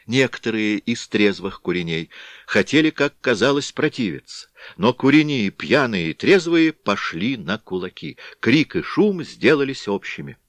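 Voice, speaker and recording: A man narrating a classic story in a scripted, expressive storytelling manner. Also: mid-range voice, normal speed, dry recording. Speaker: audiobook narrator.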